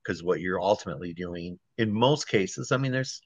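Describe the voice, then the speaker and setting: A man from Wisconsin, a guest editor and author, explaining writing craft in a relaxed conversational interview and often checking in with "right?". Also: low-pitched, normal speed, husky, dry recording. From Wisconsin, USA.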